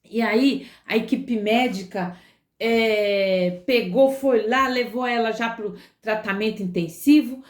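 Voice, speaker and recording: A woman telling a dramatic story to children, animated, with sound effects and fillers. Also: on the high side, slow. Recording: roomy echo.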